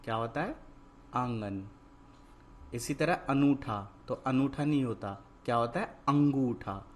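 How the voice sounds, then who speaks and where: A male Hindi teacher works through a worksheet, asking "what word is it" and answering it again and again. His voice sits at an ordinary middle pitch, with faint noise under the recording. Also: expressive, brisk. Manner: repetitive questioning, patient drilling of each word. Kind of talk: worksheet lesson, call and response.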